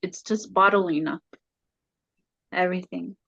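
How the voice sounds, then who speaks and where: A woman as a counseling client, retelling a home conflict haltingly with many fillers, her voice rising when upset. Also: fairly low pitch, steady tone, gravelly, fairly bright tone, breathy edge, no room sound, lo-fi sound. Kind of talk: emotional retelling in a counseling session.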